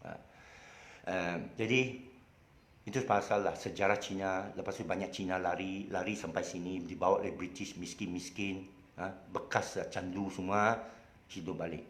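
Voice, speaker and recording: A man's voice: sits low, steady tone, moderate pace, fairly bright tone. A man with a Malaysian accent gives a casual, rambling history talk, dotted with "ah" fillers. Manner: rambling, heavy on "ah" fillers, colloquial. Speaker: lecturer. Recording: roomy echo.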